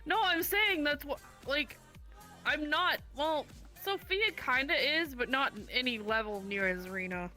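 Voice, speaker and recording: Bright-voiced woman, casual and swearing. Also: high-pitched, lively intonation, unhurried, faint music behind. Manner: exasperated, swears freely. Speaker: roleplay streamer. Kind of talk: casual gaming chat.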